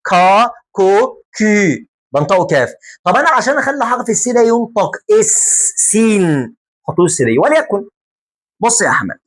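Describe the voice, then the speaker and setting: Animated Egyptian teacher drilling words. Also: male voice, high voice. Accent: Egyptian Arabic. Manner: animated, jokey, drills words by repeating them slowly. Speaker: French teacher. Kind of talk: lively classroom lesson.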